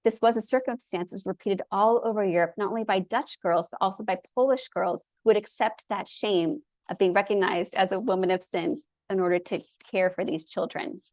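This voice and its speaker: An earnest woman presents a storytelling lecture in a voice of middling pitch. She speaks with open enthusiasm, and her recording sounds close and dry, with no room echo. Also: a little fast, few pauses, a little mellow.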